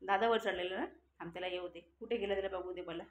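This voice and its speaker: A woman's voice: fairly low pitch, steady tone, fast talker. A young woman vlogging at home, scolding her children and questioning them about the mess they made. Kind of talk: casual home vlog. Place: home, balcony.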